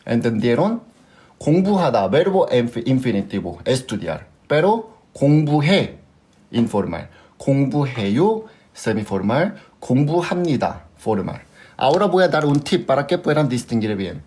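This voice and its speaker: Guy with a korean accent teaching a class, lively up and down voice, keeps checking everyone gets it. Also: mid-range voice, a little fast. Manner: asks students often if they understood; patient, repeats and drills examples. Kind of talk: live class explanation.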